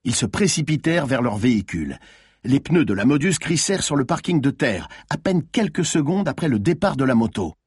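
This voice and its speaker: A man's voice: medium pitch, big pitch swings, brisk, slightly rough, no echo, clean studio sound. A man reading a thriller audiobook aloud with tense, dramatic narration.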